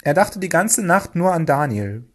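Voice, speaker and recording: Male storyteller, slightly high voice, lively expressive reading. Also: normal speed. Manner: expressive, lively, acts out dialogue.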